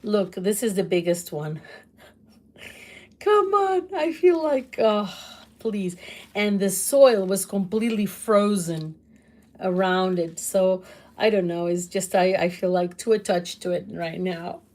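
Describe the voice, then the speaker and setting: A middle-aged Portuguese woman with a Portuguese accent, chatting loudly to her livestream viewers from her home kitchen, laughing often. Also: medium pitch, takes it slowly. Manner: loud, laughs often, exclaims. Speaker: livestream host. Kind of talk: casual livestream chat answering comments.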